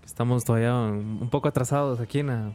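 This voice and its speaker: A man's voice: mid-range voice, fairly even intonation, fast, a little mellow, soft background music. A man in casual podcast chat, making joking, chuckling asides. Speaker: podcast co-host.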